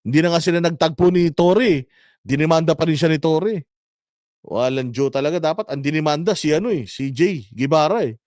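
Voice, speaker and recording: A man's voice: on the high side, fairly quick, darkish tone, dry recording, clean studio sound. A man hosting his own vlog, delivering a sarcastic political commentary rant and swearing often. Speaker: vlogger host.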